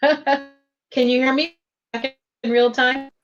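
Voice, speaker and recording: A woman on a video call, speaking in halting, broken-off phrases while her audio keeps cutting in and out. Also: sits high, steady tone. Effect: choppy video-call audio cutting in and out. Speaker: participant in an online group meeting. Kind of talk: casual discussion. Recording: dull lo-fi call audio, faint music.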